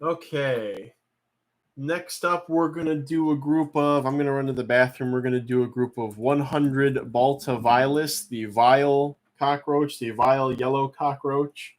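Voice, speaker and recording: A man with a mid-pitched voice hosts an online auction as a casual live stream. He rambles and halts, thinking aloud as he goes. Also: steady tone, unhurried.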